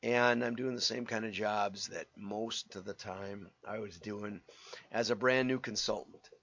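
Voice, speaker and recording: Hoarse older man, low gravelly voice. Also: fairly even intonation, unhurried, fairly bright tone. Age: older, 60s or above. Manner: rambling, wry, opinionated. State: hoarse, voice partly lost from a cold. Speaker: host and direct marketing consultant. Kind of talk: casual solo show talk with commentary. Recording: roomy, slightly dull lo-fi sound.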